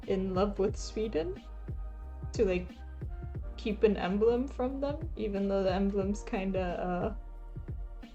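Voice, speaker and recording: A woman from Palestine streaming while she cross-stitches, chatting casually with viewers, reading chat aloud and laughing softly. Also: mid-range voice. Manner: laid-back, chatty, frequent soft laughs, reads chat aloud. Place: home, lives in Taiwan.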